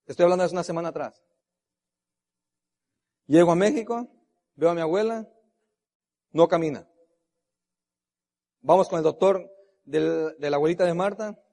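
A middle-aged man giving a motivational convention speech, swinging between shouted resolve and hushed storytelling. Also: a little high, moderate pace, long pauses. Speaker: motivational speaker. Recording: long reverb of a large hall.

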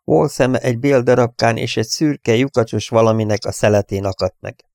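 A man reading an audiobook in a steady, measured storytelling manner. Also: medium pitch, no echo, studio quality. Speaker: audiobook reader. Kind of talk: audiobook narration.

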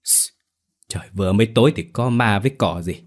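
A man's voice: fairly low pitch, brisk. A man voicing a scornful old village wife. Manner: scolding, dismissive. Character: sharp-tongued scornful older village wife.

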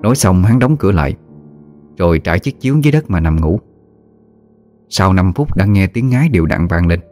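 A man narrating a ghost story in a measured, somber manner. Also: low voice, animated, darkish tone, soft background music.

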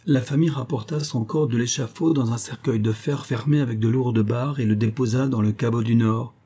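A man voicing a young melancholy heir of an old castle in a storybook reading, speaking in a pensive, low-voiced way. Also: fairly even intonation, fairly quick, mellow, husky, close to an everyday voice.

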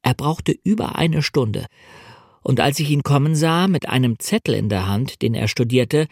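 A man narrating a first-person adventure novel in a measured, clear storytelling manner. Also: mid-range voice, lively intonation, dry recording, clean studio sound. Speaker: audiobook reader.

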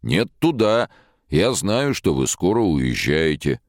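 A man's voice: low-pitched, big pitch swings, takes it slowly, dry recording, clean studio sound, pitched above the performer's own voice, exaggerated voice. A man voicing a haughty, imperious Soviet party official, middle-aged, in an audiobook. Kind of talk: audiobook character voice.

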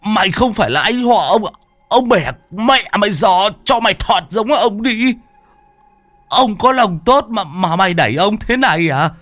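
A man voicing a crude, foul-mouthed lame young villager who stammers and swears loudly. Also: high voice, animated, measured pace, soft background music, voice pushed up. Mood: cursing angrily.

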